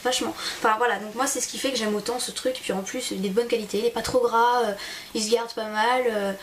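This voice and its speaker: Young woman, higher-pitched, informal rambling vlogger delivery, slightly noisy home recording. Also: steady tone, fast. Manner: chatty, informal, hesitant, rambling. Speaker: beauty vlogger. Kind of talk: casual chat to camera.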